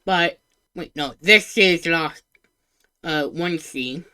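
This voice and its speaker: Taking things slowly in a voice on the low side, a woman VTuber gives excitable live reactions. Her manner is cute and anime-streamer informal, with swearing and thinking aloud.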